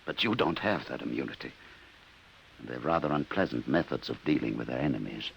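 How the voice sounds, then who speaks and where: A man's voice: a bass voice, animated, brisk, creaky, exaggerated voice, low-quality recording. An actor playing a remorseful, weary male inventor in a 1950s radio drama, heard on an old radio recording. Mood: grave. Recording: hissy old radio broadcast.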